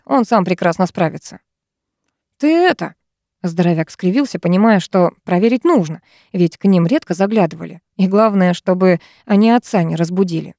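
Woman, audiobook narrator, dramatic storytelling, dark tone, dry sound. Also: on the low side, no echo. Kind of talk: scripted narration.

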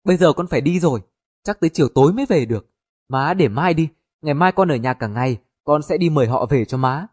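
A young husband , voiced by a man, rushing his words as he reassures his mother. The voice is raised and husky, and it races along. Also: on the high side, expressive, a little mellow. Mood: hurried. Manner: hurried, reassuring.

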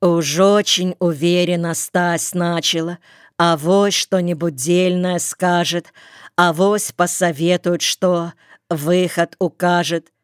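A woman narrating an audiobook with a calm, measured reading, recorded in a studio. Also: lowish voice, smooth, no room sound. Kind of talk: scripted narration.

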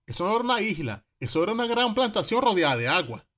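Fast and sing-song, his high-pitched voice has a slight brightness and a Venezuelan Caribbean Spanish accent. He recounts history in relaxed, slangy language, posing rhetorical questions and performing the quotes he cites.

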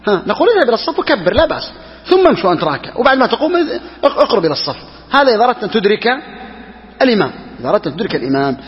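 A man teaching religious law as a sheikh, who talks quickly and repeats key phrases for emphasis. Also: high-pitched, very animated, in a large hall, lo-fi sound. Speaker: sheikh teaching Hanbali jurisprudence. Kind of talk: religious lesson explaining a text.

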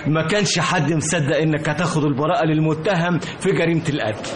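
An actor playing a nervous, deferential driver who stammers, with an Egyptian accent. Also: male voice, fairly high pitch, fast talker, slight background noise, natural voice. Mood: nervous servile. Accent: Egyptian Arabic. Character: servile, nervous male driver. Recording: old radio drama with music behind.

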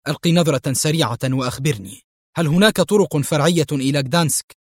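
A man voicing a calm, confident male hero in an audio story, speaking with cool irony. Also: fairly high pitch, fast talker, no echo, studio quality, natural voice.

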